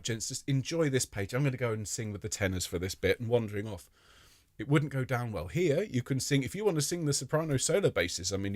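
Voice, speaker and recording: A man's voice: mid-range voice, no echo, studio quality. A man, leading a live online choir rehearsal, greeting singers by name with friendly jokes and chatter.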